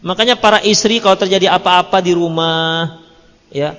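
A male religious teacher with a high voice gives a lively sermon-style lesson. He tells stories and acts out snatches of dialogue with joking asides. His voice rings through a hall with a long echo. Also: moderate pace. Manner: animated storytelling, acting out quoted dialogue, joking asides. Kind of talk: sermon-style book study.

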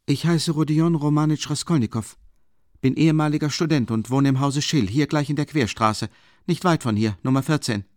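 Guy reading as a calm creepy young student, slow and flat, dry close audiobook sound. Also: on the high side, no room sound, voice pushed up, close to an everyday voice. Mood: detached, brooding. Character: brooding young former student, calm and strange.

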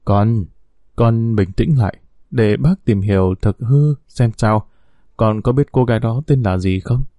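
A man reading a storybook as a calm, level-headed older mother who speaks in a measured way. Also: on the low side, dry recording, studio quality, close to an everyday voice. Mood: soothing.

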